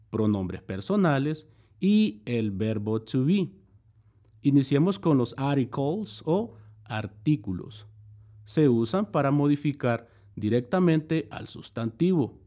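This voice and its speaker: A male teacher works through an English lesson at an unhurried pace. He says each word twice, then translates it. His voice is mellow and dark, at an ordinary male pitch. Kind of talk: slow vocabulary and grammar lesson.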